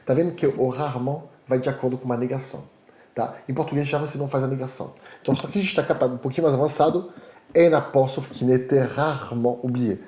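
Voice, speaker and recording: A Parisian man with a French accent teaches French in Portuguese for an online language lesson. His medium-pitched voice comes rapid-fire and animated in an echoey room, and he keeps asking "tá?" to check that students understand.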